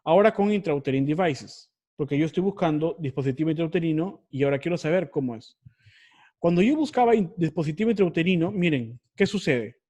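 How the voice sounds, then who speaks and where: A man teaching a class over a video call, with a slightly higher voice than most men. He explains each step carefully and patiently, often repeating a phrase or correcting himself mid-sentence. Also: expressive, a little fast, dark tone. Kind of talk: online research methods class.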